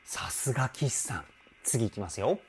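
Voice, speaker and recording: A man's voice: mid-range voice, expressive, normal speed. A man working as a vocal coach, giving enthusiastic commentary that analyses a song's vocals and demonstrating sounds with his own voice.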